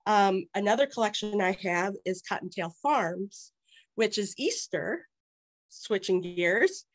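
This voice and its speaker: A woman's voice: medium pitch, animated, slow, no room sound. Chatty woman designer on a call. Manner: chatty, filler-heavy, enthusiastic. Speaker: fabric designer. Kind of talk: casual product presentation.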